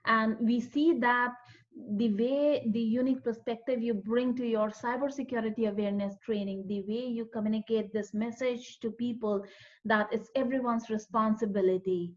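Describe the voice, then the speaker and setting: Female interviewer, affirming and summarizing, slightly high pitch, lo-fi sound. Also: steady tone, moderate pace. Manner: affirming, summarizes the guest's points. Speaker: interviewer, host. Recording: dull lo-fi audio.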